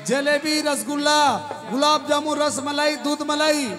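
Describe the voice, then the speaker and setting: A man's voice: extremely high pitch, level tone, unhurried, a crowd in the background. A man with a Chhattisgarhi accent working as a stage magician and host, with teasing, repetitive kids' party magician patter for a child helper and the audience.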